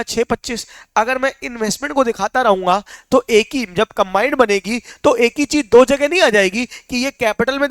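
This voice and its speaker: A young man teaching a class, his voice high and smooth. He keeps quizzing the students with rapid questions and slips English terms into the lesson. The recording is close and dry. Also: fairly bright tone, no room sound. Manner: mixes English terms into speech. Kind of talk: classroom lecture.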